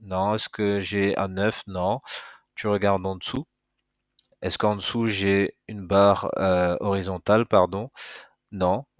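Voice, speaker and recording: Low-voiced man teaching step by step. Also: little pitch movement, slow, no echo, studio quality. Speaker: Arabic teacher. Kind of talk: casual spoken lesson.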